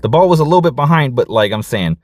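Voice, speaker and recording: Excited man breaking down game film. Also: medium pitch, quick pace, dry recording, soft background music. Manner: excited, repeats catchphrases, casual slang. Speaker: football coach and film analyst.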